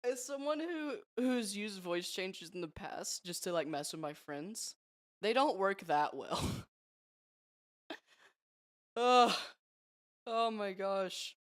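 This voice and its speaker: A woman's voice: mid-range voice, animated, measured pace. A young woman streaming live, reacting gleefully to a video and laughing often.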